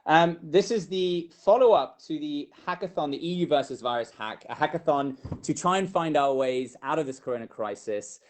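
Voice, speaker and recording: Jokey, slightly high-voiced male host. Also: moderate pace, hardly any pauses. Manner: jokey, self-deprecating, hesitant fillers. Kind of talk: live online show hosting.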